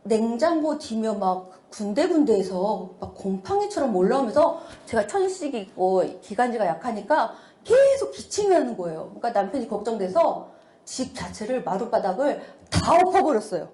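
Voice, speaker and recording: A middle-aged woman giving a testimony sermon to a congregation, animated, exclaiming and laughing often. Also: a little high, normal speed, reverberant, slight background noise. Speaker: church speaker giving testimony.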